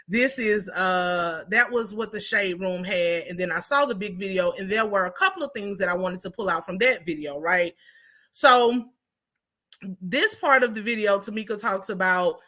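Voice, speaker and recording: A woman's voice: mid-range voice, pushed and bright. A woman hosting a commentary channel, chatting sassily and talking straight to her viewers. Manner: sassy, chatty, addresses viewers directly. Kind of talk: casual commentary.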